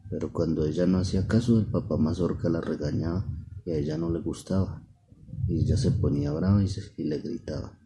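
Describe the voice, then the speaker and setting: A father telling his child a bedtime story at home, in a soft, unhurried way with lots of repetition. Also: rumbling low.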